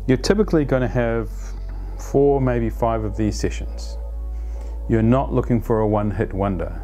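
A man in his fifties explaining a team planning practice to camera as an agile coach, conversational and animated, on a lapel mic in a plain studio. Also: mid-range voice, moderate pace, faint music behind. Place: plain studio against a light wall.

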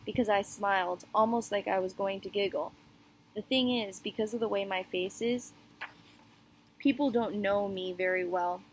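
A woman reading a children's novel aloud in an even, unhurried first-person voice. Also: medium pitch, slight background noise, rough recording. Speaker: audiobook reader.

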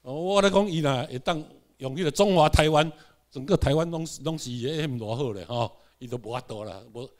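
A man's voice: fairly high pitch, fairly quick. Taiwanese man lecturing a class. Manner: rhetorical questions and checks on the audience; has the class repeat words aloud.

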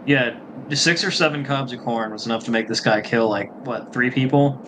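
A man's voice: medium pitch, brisk, noisy background. A young man casually chatting while watching a friend play, rambling with many filler words. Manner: chatty, lots of filler 'like', swears when annoyed. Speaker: spectating co-host. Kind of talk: casual gameplay chat.

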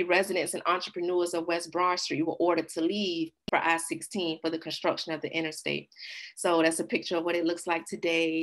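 A woman's voice: lowish voice, fairly bright tone. A woman giving a casual workshop talk with slides, telling stories and laughing now and then. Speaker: workshop presenter.

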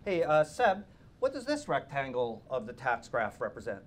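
A male student acting in a school film, playing a teasing economics teacher who lectures in a slow voice. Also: mid-range voice, huge pitch swings. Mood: lecturing. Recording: amateur school video with faint hiss.

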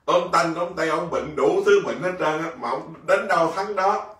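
A monk tells a lively story to his listeners, chuckling as he goes and slipping into the voices of his characters. His voice sits a touch high for a man. The recording is roomy and picked up from a distance. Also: normal speed. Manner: lively, laughing, acts out a king and a soldier. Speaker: Buddhist monk teacher. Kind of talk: storytelling dharma talk. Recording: echoey room, voice from a distance.

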